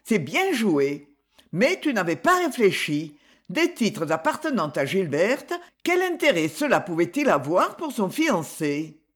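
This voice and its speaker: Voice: medium pitch, very animated, unhurried, a bit bright. A reader voicing a scheming, triumphant middle-aged mother in an audiobook, in a raised, emphatic voice. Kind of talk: audiobook character voice.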